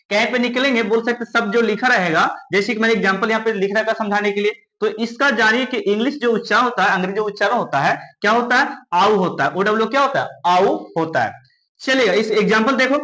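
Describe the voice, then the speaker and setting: A man teaching English pronunciation in Hindi at a board. He asks a question and answers it himself, drawing words out slowly. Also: high-pitched, pushed and bright, roomy sound. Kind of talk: classroom lesson at a board.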